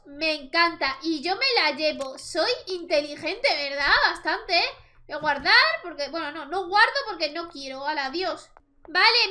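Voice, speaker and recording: A young woman with a Spain Spanish accent hosts a let's play, delivering chatty gameplay commentary as she exclaims at the screen and talks to her viewers. Her voice is extremely high-pitched, pushed, and bright.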